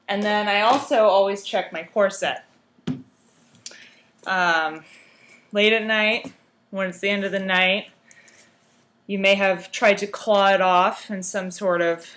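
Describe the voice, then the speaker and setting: A woman giving a casual how-to vlog in a hungover, sluggish, halting way, with dry tongue-in-cheek delivery. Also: mid-range voice, a bit bright. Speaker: vlogger giving garment care tips. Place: indoors.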